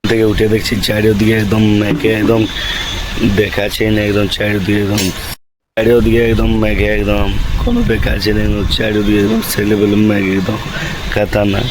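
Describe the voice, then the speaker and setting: A hoarse man with a Purulia Bengali accent, narrating his day in a rambling, repetitive vlog voice. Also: fairly low pitch, monotone, a little fast, background noise. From West Bengal. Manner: rambling, repeats "একদম" and "সেই লেভেলের". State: hoarse, sore throat. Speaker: vlogger.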